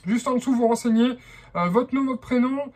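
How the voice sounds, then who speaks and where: A man's voice: very high voice, normal speed. A man from France with a French accent, explaining a how-to in a hesitant vlog style with many fillers. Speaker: vlogger.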